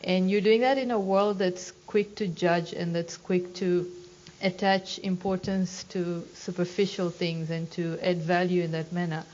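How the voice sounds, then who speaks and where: Woman in the audience, from Tanzania, halting and thoughtful, low-ish pitch, muffled. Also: steady tone, darkish tone, slight background noise. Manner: hesitant, thoughtful, repeats words. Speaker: audience member asking a question. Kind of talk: question from the floor.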